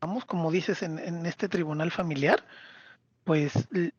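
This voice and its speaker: A man with a Mexican Spanish accent talking casually on a podcast, retelling scenes with lively acted-out quotes. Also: a little high, unhurried, breathy edge, no room sound, dull audio. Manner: animated storyteller, acts out character quotes. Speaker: podcast co-host.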